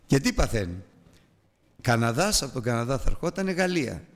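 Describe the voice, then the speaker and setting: An older male preacher gives a Bible lesson as a lively story, acting out every voice. His voice sits at a middle pitch. The church hall adds a long reverb behind him.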